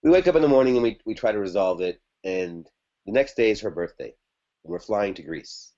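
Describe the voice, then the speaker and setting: Guy on a podcast telling a breakup story, kinda low voice, lots of "like" and "you know", muffled lo-fi sound. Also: lively intonation, brisk, warm tone. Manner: rambling, conversational, many fillers and restarts. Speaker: podcast guest. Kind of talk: casual storytelling about a past relationship.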